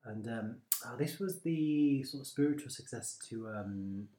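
A man's voice: mid-range voice, normal speed, dark tone. A man co-hosting a casual podcast chat, upbeat and jokey. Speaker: podcast co-host. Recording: echoey room.

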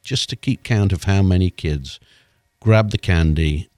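A man's voice: low voice, measured pace, a little mellow, dry recording, studio quality. An older man co-hosting a radio show, telling stories in a reflective way and laughing easily. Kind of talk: casual chat.

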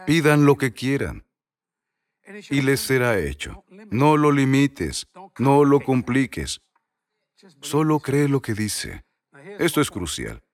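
Male preacher, sermon delivery, very animated intonation, insistent repetition. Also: medium pitch. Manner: repetitive, emphatic preaching with rhetorical questions.

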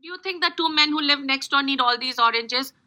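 A woman's voice: sits high, fairly quick, pushed and bright. An actress playing a scheming grandmother with a put-on Indian accent in a TV comedy scene. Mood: sly. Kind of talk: TV comedy dialogue.

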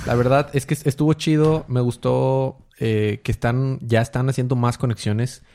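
Man hosting a comics podcast, chatty, mid-pitched, mixes in English and slang. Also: steady tone, normal speed, a little mellow. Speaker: podcast host. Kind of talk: casual comic-book recap chat.

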